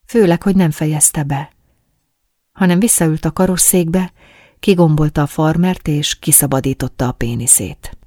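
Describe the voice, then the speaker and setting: A woman reading a first-person story aloud as an audiobook, in a calm, soft, intimate manner. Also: sits low, no echo, studio quality. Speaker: audiobook narrator. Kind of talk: first-person scripted narration of an erotic story.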